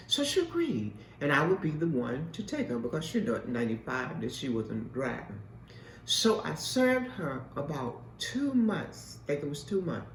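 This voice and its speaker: A woman's voice: rumbling low, creaky, a little hiss or hum. A woman host telling an emphatic, repetitive testimony in a preacher-like way. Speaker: host and mentor. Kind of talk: spoken testimony. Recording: echoey room from a distance.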